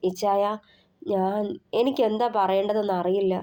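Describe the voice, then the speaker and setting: A woman's voice: medium pitch, steady tone, moderate pace, dark tone, close to an everyday voice. Woman voicing a tearful young woman. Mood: pleading. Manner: tearful, pleading.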